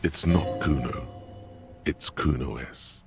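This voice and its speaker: A video game inner narrator, grave and measured, extremely low, gravelly. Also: male voice, over music, heavily acted. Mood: calm coaching. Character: man, stern inner narrator voice of a detective.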